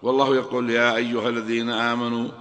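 A man's voice: medium pitch, level tone, fast talker, a bit bright. A man preaching a sermon in a large mosque, repeating phrases, asking rhetorical questions and chanting Quran verses. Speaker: preacher giving a Ramadan lecture. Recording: long echo of a large mosque.

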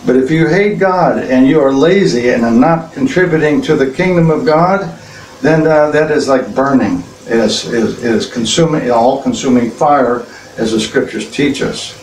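A man's voice: medium pitch, a little mellow. Man preaching in an echoey church. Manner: plain, unhurried, with frequent filler sounds and restarts. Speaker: Orthodox bishop preaching. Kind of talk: conversational sermon. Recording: echoey church, distant mic, faint background noise.

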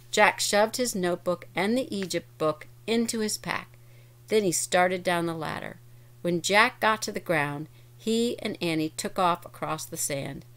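Lady reading a kids chapter book out loud, fairly low voice, stops to explain words. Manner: clear, explains words as she reads. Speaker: reader of a children's book. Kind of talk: reading aloud to children.

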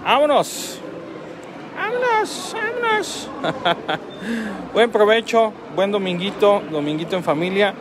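A man's voice: high-pitched, big pitch swings, slow pace, long pauses, background noise. A man with a Mexican accent casually reviewing a restaurant meal, repeating phrases and laughing often, filmed on a phone at a table near a road. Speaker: food vlogger.

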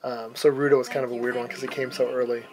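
A man's voice: mid-range voice, flat delivery, fast talker. A man hosting a gaming video, giving casual commentary during co-op play. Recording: game music behind the voice. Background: video game music.

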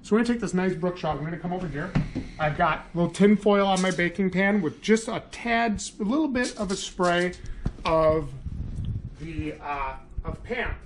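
An American man in his thirties hosts a casual fishing vlog, enthusiastic, chummy and slangy, moving between a truck cab, the woods and a home kitchen. His voice sits high at a moderate pace over a noisy background.

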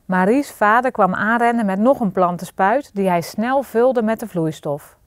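A woman's voice: medium pitch, normal speed, dry recording. Storyteller woman reading to kids, dry close sound. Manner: expressive, lively storytelling. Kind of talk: reading a children's story aloud.

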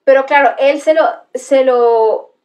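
Young woman, high voice, animated livestream chat host. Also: a little slow. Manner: animated storytelling with gasps and exclamations.

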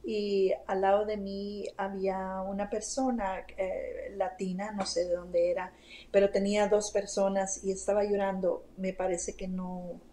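A woman's voice: medium pitch, level tone, a little slow, dark tone, poor audio. A woman telling a story to a host in a casual chat, full of fillers and asides. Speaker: interview guest.

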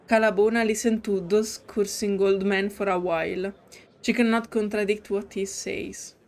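A woman's voice: mid-range voice, level tone, a little mellow, a little hiss or hum. A woman streamer reading a story game aloud with commentary, giggly and hesitant. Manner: slow, giggly and hesitant, with restarts. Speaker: gaming streamer.

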